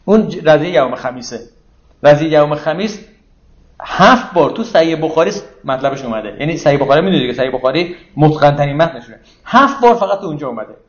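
A man with a fairly high voice teaches scripture in a relaxed, conversational way, often posing questions to his listeners. The recording is echoey and a little dull, like a lo-fi room recording. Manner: conversational, explains with rhetorical questions to the audience. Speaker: religious teacher. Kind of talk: informal lecture on Quranic verses.

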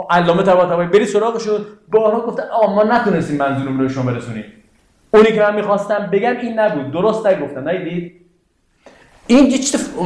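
A man's voice: sits high, a little mellow. A man teaching religious texts in an informal classroom lecture, talking conversationally and often checking that his listeners follow. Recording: echoey room.

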